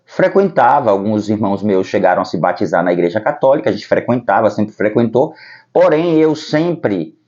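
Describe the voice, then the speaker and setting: Calm, low-voiced Brazilian priest. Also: male voice, normal speed. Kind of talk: personal vocation testimony to camera. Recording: dull lo-fi recording.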